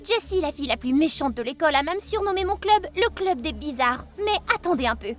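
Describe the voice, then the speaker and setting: A woman tells an animated diary story in a very high, bright voice. She sounds quirky and excitable. Soft music plays beneath her. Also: brisk. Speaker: narrator. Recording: music behind the voice.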